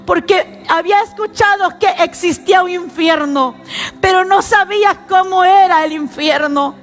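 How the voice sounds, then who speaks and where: A woman with a strikingly high voice delivers a religious testimony. She speaks in a slow, emphatic, dramatic way. Faint music plays quietly behind her.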